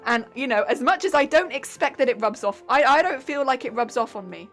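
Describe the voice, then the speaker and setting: Sewing during a live craft stream, this giggly young woman from Hampshire, England, rambles chattily in a southern English accent, laughing often. Her high voice is animated and fairly bright, moving a little fast, with faint music behind her.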